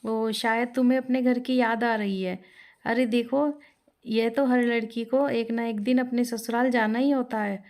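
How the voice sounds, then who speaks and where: A woman's voice: a little high, fairly even intonation, a little slow, a little mellow. A woman voicing a poor young husband who runs a small eatery, coaxing at first and then fed up with his wife. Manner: pleading, then scolding and fed up.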